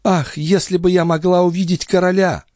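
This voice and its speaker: A man's voice: high voice, flat delivery, moderate pace, a little mellow, no echo, studio quality, pitched above the performer's own voice, lightly acted. A man putting on a coy, pleading young maid. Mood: imploring. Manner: pleading, coaxing. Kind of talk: audiobook character voice.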